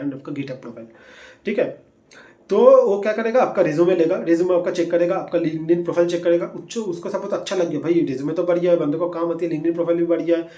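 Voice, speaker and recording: A man's voice: high voice, darkish tone. A young man explaining job-hunting steps in a casual, chatty lesson, checking in with listeners as he goes. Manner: chatty, repeats points, frequent fillers and "theek hai" check-ins. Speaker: career advice presenter. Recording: echoey room.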